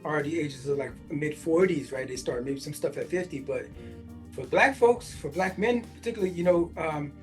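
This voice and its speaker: A man's voice: fairly high pitch, normal speed, soft background music. A man in his forties hosting a podcast, reading a news article aloud and stopping often to react in casual asides full of fillers. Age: 40s. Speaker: podcast host.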